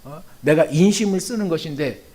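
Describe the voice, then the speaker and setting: A man voicing a calm, generous vineyard owner who answers complaints in a low, soft, reasoning tone. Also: brisk, natural voice. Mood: calmly reasoning.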